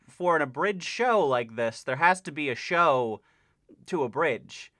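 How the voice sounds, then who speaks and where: A man with a medium-pitched, fairly bright voice hosts a parody dub channel and gives an update in clean studio sound with no echo. His explanation is casual and conversational, with key words stressed.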